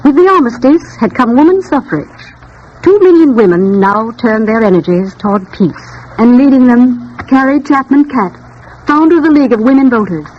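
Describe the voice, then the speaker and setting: A woman's voice: fairly high pitch, lively intonation, moderate pace. A woman narrating a 1930s radio drama in an earnest, declamatory way, with the sound of an old-time radio broadcast. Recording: muffled 1930s radio recording with faint hiss.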